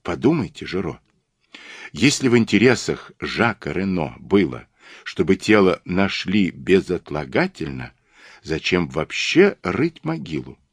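A man reading the part of a shrewd, gentle older detective who speaks softly and in a measured, knowing way. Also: sits low, big pitch swings, breathy edge, no room sound, full character voice.

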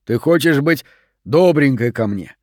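A man voicing a rude, aggressive teenage boy who snarls and shouts insults in an audiobook. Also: mid-range voice, expressive, a little slow, no echo, studio quality. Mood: sneering.

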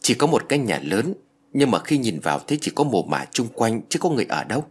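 A man's voice: medium pitch, very animated, a little fast, slightly rough. A man voicing a deferential young inn worker. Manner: deferential reporting.

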